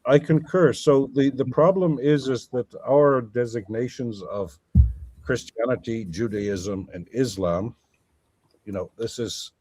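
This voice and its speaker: Here a scholarly man speaks as a guest in an academic exchange, explaining things at length and working through ideas aloud, often restarting, correcting himself and filling pauses. He has a mid-range, dark voice with a breathy edge, talks a little slowly, and the recording carries no room sound.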